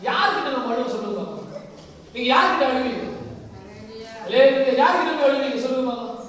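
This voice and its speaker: A woman's voice: sits high, expressive, fast talker. A woman preacher giving a fervent sermon, often saying hallelujah and asking the congregation questions. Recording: echoey hall, voice far from the mic.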